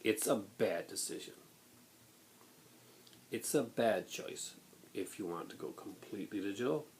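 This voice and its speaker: A man in a blunt, exasperated rant to viewers, halting and then bursting into emphasis. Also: lowish voice, lively intonation, a little mellow. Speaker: video blogger. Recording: noticeable background noise.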